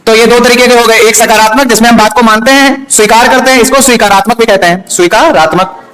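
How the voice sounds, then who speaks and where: A man's voice: extremely high pitch, fast, a bit bright. A male teacher giving a classroom grammar lesson, often stopping to check that his students have understood. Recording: echoey room.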